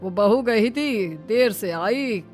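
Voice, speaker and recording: A woman voicing a kind, worried older mother-in-law with a gentle, coaxing way of talking, in a family drama story. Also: fairly high pitch, slow, faint music behind.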